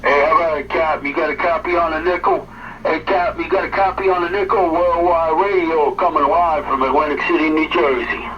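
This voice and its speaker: Man calling loudly over a CB radio. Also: fairly high pitch, fairly even intonation. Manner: loud, hurried calling in CB lingo. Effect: heard over a CB radio. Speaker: CB radio operator. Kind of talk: CB radio call. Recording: distant lo-fi CB radio with faint hiss.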